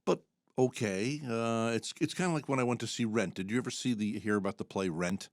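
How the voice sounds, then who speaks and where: A man's voice: mid-range voice, brisk, no room sound, clean studio sound. An older man co-hosting a podcast, chatting casually and telling rambling, jokey stories. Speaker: podcast co-host. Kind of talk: casual chat.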